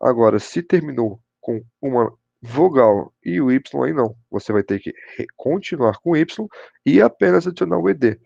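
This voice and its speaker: Low gravelly Brazilian teacher, lo-fi mic. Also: male voice, animated, normal speed, darkish tone, no room sound. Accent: Brazilian Portuguese. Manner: repeats "show de bola" and "pessoal", checks in with students. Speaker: English teacher. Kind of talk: online class explanation.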